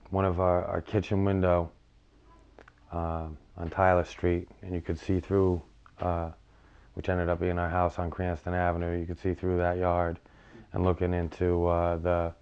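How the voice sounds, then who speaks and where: A male firefighter from the United States reflects in an interview. His voice is very low and resonant, with little melodic movement. He talks plainly and haltingly, recalling personal stories. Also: completely flat delivery, darkish tone, smooth, dull audio.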